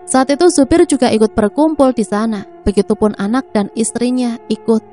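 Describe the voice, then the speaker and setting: A woman narrating a scripted family drama in a steady, even reading voice. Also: fairly high pitch, normal speed. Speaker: storyteller. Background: faint music.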